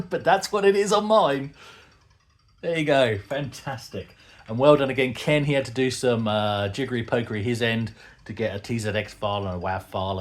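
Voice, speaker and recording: A man giving casual, excitable commentary as he plays a retro computer game, laughing often and thinking aloud. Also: medium pitch.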